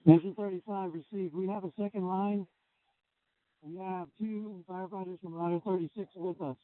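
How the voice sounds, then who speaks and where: A man's voice: high-pitched, fairly even intonation, moderate pace, no room sound. A man talking as a firefighter over a two-way radio. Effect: two-way radio transmission. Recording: muffled band-limited radio transmission.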